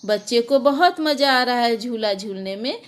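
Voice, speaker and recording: A woman's voice: fairly high pitch, lively intonation, normal speed. A woman teacher patiently explaining a children's poem to pupils, slipping English words into her explanations. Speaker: school teacher.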